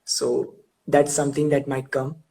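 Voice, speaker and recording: A man's voice: medium pitch, level tone, a little slow, vocal fry, dark tone, low-quality recording. A young man hosting a casual interview over a video call, laughing often and stumbling over repeated words. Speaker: host.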